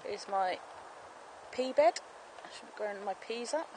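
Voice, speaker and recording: Behind a handheld camera outdoors, a woman gives a homely, casual tour of her allotment, chatting and explaining while off screen. Her mid-range voice is animated, at a moderate pace. The camera audio captures clear background noise.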